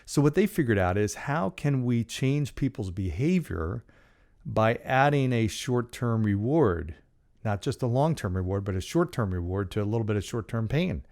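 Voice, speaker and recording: Speaking at a moderate pace in a mid-range voice, a man in his forties hosts his own leadership podcast. He keeps it informal and humorous, his hands moving animatedly as he talks. A large studio condenser mic stands in front of him in a small room with dark acoustic panels.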